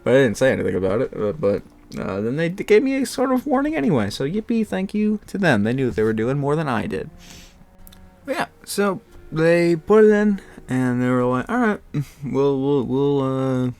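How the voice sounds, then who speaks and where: A man chatting casually and telling a personal story in a rambling, animated way, often interrupting himself and re-enacting bits of dialogue. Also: fairly high pitch, fairly quick. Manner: often laughs while talking. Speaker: storyteller recounting own experience.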